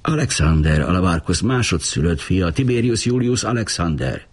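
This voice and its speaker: A man's voice: low-pitched, sing-song, husky, heavily acted. A man voicing a young nobleman who speaks curtly and commandingly. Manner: curt, commanding.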